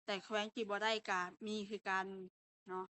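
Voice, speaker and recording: A woman's voice: mid-range voice, little pitch movement, moderate pace, bright, forceful tone, a little hiss or hum. A young woman with a Lao accent, teaching an online language lesson and explaining step by step with patient fillers.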